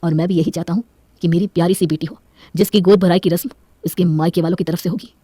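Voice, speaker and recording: A woman voicing a caring, earnest young husband in a spoken moral story, gentle and reassuring. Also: on the low side, fairly even intonation, quick pace, no echo, close to an everyday voice. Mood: firm. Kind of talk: Hindi moral story voice acting.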